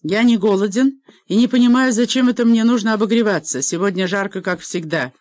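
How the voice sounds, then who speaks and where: A woman voicing a gruff old clan chief. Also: mid-range voice, moderate pace, dry recording, lightly acted. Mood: angry, demanding. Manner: loud, demanding, barking.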